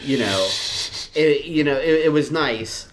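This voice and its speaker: A man co-hosting a podcast, talking in a rambling, animated way with many restarts and a Virginian accent. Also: fairly high pitch, unhurried, slight background noise. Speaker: podcast co-host. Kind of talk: casual chat.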